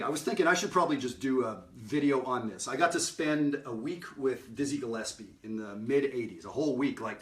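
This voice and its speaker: A man's voice: mid-range voice, a bit bright, recorded from a distance. A middle-aged man giving a casual jazz lesson, talking conversationally, singing note examples and often asking "right?". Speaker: jazz educator. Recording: roomy sound from off-mic.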